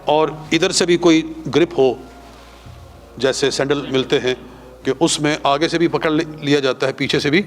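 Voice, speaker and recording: A man with a Punjabi-influenced Urdu accent teaching a class on pilgrimage rites. He has his listeners repeat prayers after him, slowly and drawn out. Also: a little high, fairly even intonation, soft background music. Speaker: religious teacher.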